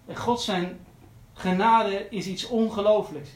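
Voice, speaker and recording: High-voiced preacher in an echoey church. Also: male voice, steady tone, slow. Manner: earnest, repeats key phrases for emphasis. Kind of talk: sermon.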